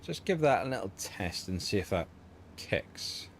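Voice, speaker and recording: A middle-aged man talks casually to his livestream audience from home. His voice sits low yet swings widely in pitch as he rambles from one thought to the next, laughing often. A faint hum lingers in the background. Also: big pitch swings, unhurried. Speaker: livestream host.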